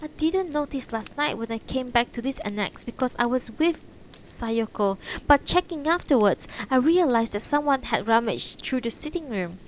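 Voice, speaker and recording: A woman's voice: a little high, expressive, normal speed, natural voice, poor audio. A woman voicing a shaken, earnest young lady giving testimony in a storybook reading. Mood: puzzled, earnest. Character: shaken, discreet young Japanese lady recounting an intruder. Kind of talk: audiobook-style character reading. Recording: noticeable background noise.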